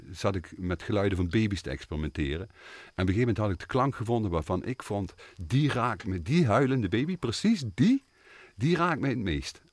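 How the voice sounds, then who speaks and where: A man telling stories as a guest in a conversational interview, earnest and animated, with frequent hesitations. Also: low voice, dry recording. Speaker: guest, theatre maker and composer.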